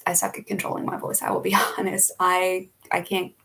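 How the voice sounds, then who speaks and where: A young woman from Philadelphia, USA, speaks a little fast in a lowish, monotone voice that's bright and forceful, with vocal fry. With her Philly accent, she casually answers viewer questions on a live stream, laughing frequently.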